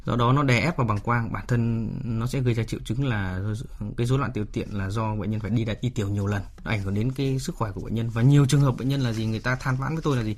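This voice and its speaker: A man's voice: mid-range voice, steady tone, very fast, few pauses. A man speaking as a doctor, explaining a medical problem spontaneously with emphatic rhetorical questions. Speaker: doctor, expert commentator.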